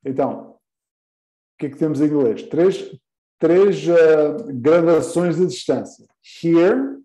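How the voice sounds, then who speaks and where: A man's voice: mid-range voice, dark tone, reverberant, rough recording. A man teaching an English class live, patiently repeating words and quizzing his students.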